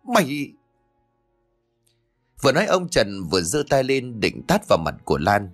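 Male audiobook reader, expressive storyteller with varied pitch, soft music bed. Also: fast. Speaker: audiobook narrator. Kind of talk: scripted story narration.

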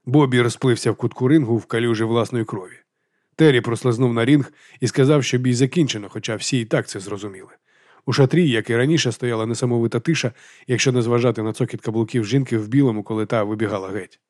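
A man narrating a novel as an audiobook in a steady, even manner. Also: mid-range voice, quick pace, dry recording, clean studio sound.

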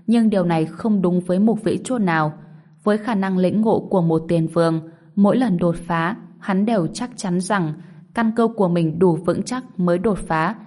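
A woman reading a martial arts novel aloud as a narrator, in steady scripted narration. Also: on the low side. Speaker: audiobook narrator.

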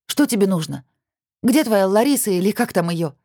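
A reader voicing a frightened, angry young woman who pushes back with raised, sharp outbursts. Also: mid-range voice, animated, normal speed, dry recording, studio quality, voice pushed up. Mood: angry, panicked. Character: frightened, furious young woman fighting off her ex.

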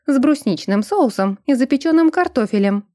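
A woman's voice: high-pitched, expressive, moderate pace, warm tone, dry recording, voice pushed up. Woman voicing a curt young housekeeper, storybook, icy, dry sound. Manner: curt and coldly menacing.

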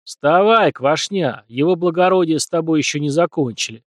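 A man voicing a gruff, mocking male Cossack who grumbles. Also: on the high side, moderate pace, no echo, clean studio sound, voice pushed up, lightly acted.

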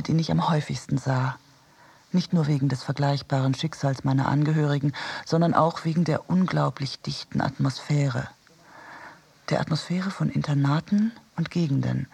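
In a radio drama, a male actor voices a reflective narrator recalling his childhood, the cinema and losses in wartime, delivered as literary first-person narration. He speaks quietly and in a measured way, his husky, breathy voice pitched a little high and exaggerated.

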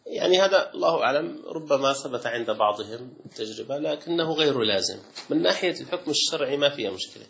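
A sheikh teaches Islamic law in a classroom lecture. His mid-pitched voice has a gravelly edge. He reads lists aloud from a text and slips into quick colloquial asides. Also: lively intonation, fairly bright tone, a little hiss or hum.

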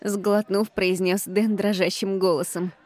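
A woman's voice: mid-range voice, flat delivery, unhurried, a little mellow. A woman reading a first-person audiobook with an ironic, exasperated tone. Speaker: audiobook reader.

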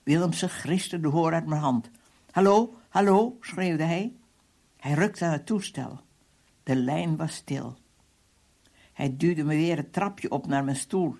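A reader telling a first-person story for radio in a calm, measured way. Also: mid-range voice, vocal fry. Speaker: reader of a book.

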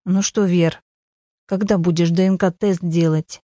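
A grumbling young man who swings from pleading to shouting, as a woman reads him. The voice is mellow and dark, recorded dry and close in an audiobook. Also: lowish voice, fairly even intonation, unhurried, dry recording, close to an everyday voice. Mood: sulky. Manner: pleading then shouting, defensive. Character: blunt irritable young man, ex-husband.

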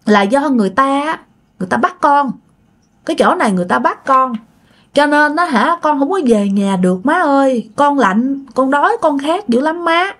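A woman voicing the spirit of a dead young man who pleads with his mother on the phone in a high, whiny voice. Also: lively intonation, moderate pace. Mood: pleading.

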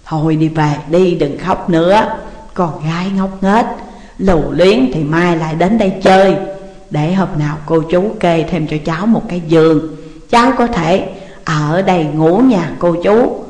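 A woman reading an audiobook voices a tender older mother, speaking lower and softly to comfort, in a roomy recording with long reverb. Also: a little slow, close to an everyday voice. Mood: tender soothing. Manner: soft, lower, comforting delivery.

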